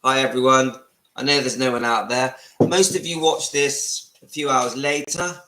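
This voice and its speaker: Bright-voiced West Country man, fifties. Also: mid-range voice, steady tone, moderate pace, roomy sound, a little hiss or hum, low-quality recording. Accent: West Country English. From Southwest England. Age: 50s. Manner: chatty, rambling, greets commenters by name. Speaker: livestream vlogger. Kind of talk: casual live chat to viewers. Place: room at home.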